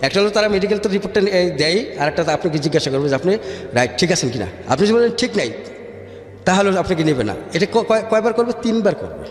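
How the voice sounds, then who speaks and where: High-pitched, sing-song, and quick, this Bangladeshi-accented man tells his life story during a radio interview, inserting English words and checking the listener keeps up. The recording has an echoey, reverberant room sound with music in the background.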